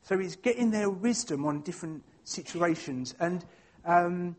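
This is a man with an Essex accent and a notably high voice for a male speaker. He speaks informally to a church, telling personal anecdotes. His delivery is chatty and self-deprecating, often hesitating as he finds his way through a thought. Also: lively intonation, a little slow, a little mellow. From Essex, England.

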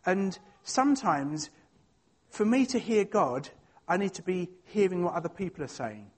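A man from Essex, England, with an Essex accent and a voice notably high for a man, speaks informally to a church, sharing personal anecdotes. He is chatty and self-deprecating, often hesitating as he works through a thought. His delivery is animated at a moderate pace, with a darkish tone and a breathy edge.

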